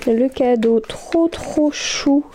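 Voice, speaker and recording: Woman chatting slow and hesitant about yarn, kinda high, mellow voice. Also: slight background noise. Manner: hesitant, many fillers and restarts, gushing. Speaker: knitting vlogger. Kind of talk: casual chat.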